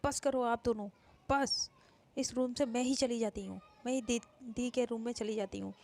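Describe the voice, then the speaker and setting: An earnest, pleading teenage schoolgirl heroine from a storybook romance, as a woman reading the story puts her on. The voice is warm, with a gravelly edge, and slightly high. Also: fairly even intonation, slow, slight background noise. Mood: exasperated.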